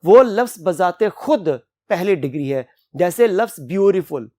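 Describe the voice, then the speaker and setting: A woman teaching an English grammar lecture, slowing down to read each rule in English and then explaining it in her own words. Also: lowish voice, animated, warm tone. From Pakistan. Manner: reads English rules out slowly and deliberately, then explains in Urdu. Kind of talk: classroom lecture.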